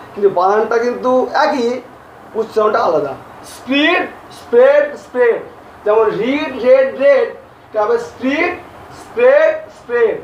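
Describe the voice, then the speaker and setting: A male English teacher, teaching grammar to a class slowly, repeating and spelling out each word. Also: extremely high pitch, a little hiss or hum. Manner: slow, repeats and spells out words. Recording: echoey, distant, dull lo-fi audio.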